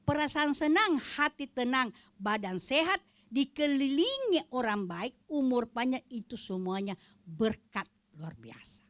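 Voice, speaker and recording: Animated older woman giving testimony. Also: high voice, a little slow. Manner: animated, acts out quoted voices, drops to a whisper for emphasis. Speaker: testimony speaker at prayer fellowship.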